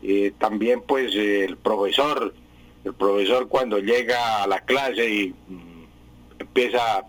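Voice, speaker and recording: A man's voice: on the low side, takes it slowly, fairly bright tone, dry recording, poor audio. A man explaining word spelling and meaning to radio listeners in a patient, explanatory way with many fillers. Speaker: language expert answering listeners.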